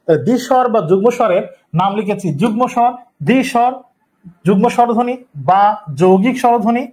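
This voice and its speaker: A man teaching a live online exam-prep lesson, explaining step by step and repeating the key terms. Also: high voice.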